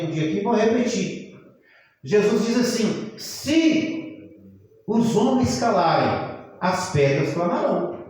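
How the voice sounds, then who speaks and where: High-voiced preacher in an echoey church. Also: male voice. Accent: Brazilian Portuguese. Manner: conversational preaching, quizzes the congregation, rises to shouting. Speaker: pastor. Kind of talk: teaching sermon. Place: church hall.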